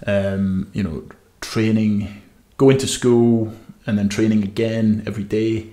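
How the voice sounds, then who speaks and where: In a small podcast room with some echo, a young west-coast Scottish swimmer talks into a desk mic on a stand. He tells his story unhurriedly, in a fairly low, mellow voice with fairly even intonation and his Scottish accent, restarting often.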